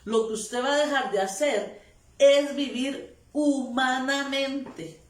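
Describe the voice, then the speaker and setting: A woman's voice: sits high, fairly even intonation, slow. A woman preaching a sermon, emphatic and repetitive, often stopping for amen. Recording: echoey room, voice from a distance.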